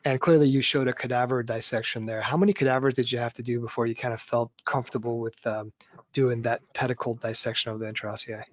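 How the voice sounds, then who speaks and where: A man moderating a surgical webinar over a video call, asking questions haltingly with many fillers and restarts. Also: medium pitch. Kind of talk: conversational Q&A.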